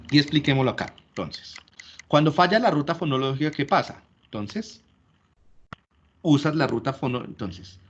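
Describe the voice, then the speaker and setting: The audio is dull with a bit of hiss or hum, carrying a man's mid-range voice as he lectures a class. Methodical and explanatory, he proceeds one step at a time and frequently uses rhetorical questions to make sure everyone is following.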